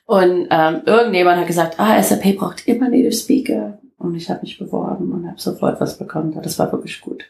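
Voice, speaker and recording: A woman in her fifties from the United States with an American accent, telling her story in a relaxed interview and pausing often to search for words. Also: lowish voice, gravelly, reverberant, poor audio. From United States (Detroit). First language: English. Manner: halting, many fillers, laughs often. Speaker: interview guest. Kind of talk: casual interview talk.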